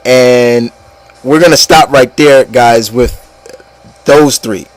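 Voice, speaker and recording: A man with a mid-range voice speaks slowly while hosting an opinion show about movies, chatting casually with listeners and co-hosts and calling them "guys." The recording is dry and rough.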